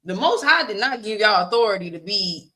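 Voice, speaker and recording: A bright, clear-toned woman co-hosts a casual podcast. She talks animatedly, laughs often and leans into emphatic, almost preachy repetition when she makes a point. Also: mid-range voice, big pitch swings, brisk. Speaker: podcast co-host. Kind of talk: casual chat.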